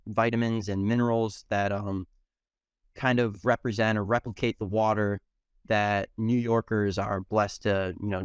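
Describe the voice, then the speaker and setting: Low, smooth-voiced pizza owner, many ums. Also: male voice, dry recording, studio quality. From United States. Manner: steady, explanatory, frequent ums. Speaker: pizzeria owner. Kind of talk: casual interview answers.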